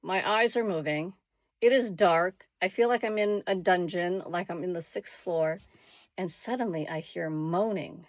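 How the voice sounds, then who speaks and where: A woman's voice: lowish voice, a little slow, dry recording. A woman vlogger telling a personal story casually, with dramatic, emphatic turns.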